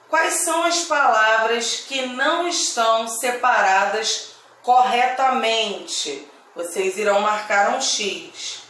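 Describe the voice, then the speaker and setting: Slow, deliberate Brazilian woman teacher. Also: a little high, a bit bright, distant mic. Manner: slow, deliberate, repeats each word, frequent "tá?". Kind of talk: slow Portuguese grammar lesson for children. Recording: echoey room, voice away from mic.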